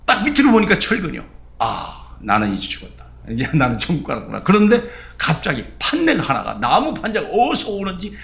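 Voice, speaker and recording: Animated pastor with a gravelly voice. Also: male voice. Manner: animated, acts out quotes with sudden high bursts. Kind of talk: sermon storytelling.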